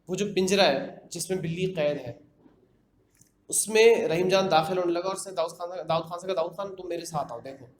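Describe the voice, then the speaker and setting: A man casually retelling a horror story in his own words, conversational, with fillers and repeated phrases. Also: high voice. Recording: echoey room with faint background noise.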